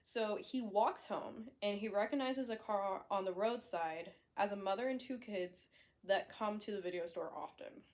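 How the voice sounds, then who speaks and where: A woman's voice: medium pitch, moderate pace. A young woman casually recapping a horror story, chatty and blunt, with fillers, self-corrections and the odd swear. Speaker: book reviewer.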